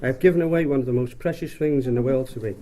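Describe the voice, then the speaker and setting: A man's voice: mid-range voice, fast talker, dark tone. A middle-aged man giving a rambling, jokey wedding speech as father of the bride, often repeating and restarting his phrases.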